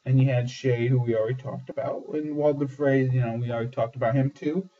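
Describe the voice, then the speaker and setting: A man hosting a casual TV episode review, excitable and swearing often, with lots of fillers. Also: mid-range voice, fast. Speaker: host. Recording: dull lo-fi sound, distant mic.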